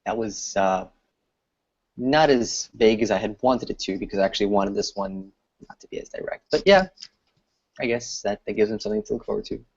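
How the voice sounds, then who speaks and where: A man's voice: fairly low pitch, fairly quick, a little mellow. A man co-hosting a casual live stream, chatty and teasing toward the host. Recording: dull lo-fi stream audio.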